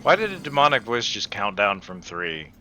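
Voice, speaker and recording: A man's voice: fairly low pitch, very animated, moderate pace, bright, forceful tone, slight background noise. A man giving casual let's-play commentary, joking and swearing in slangy speech over game music. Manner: profane, jokey, slangy. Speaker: gamer playing and commentating.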